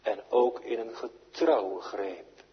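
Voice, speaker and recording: A man preaching in a church with long reverb ringing around him, heard through a slightly muffled broadcast. He speaks slowly and solemnly, rising to loud exclamations and then dropping to hushed, low phrases. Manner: slow, deliberate, solemn delivery. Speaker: pastor. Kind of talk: sermon.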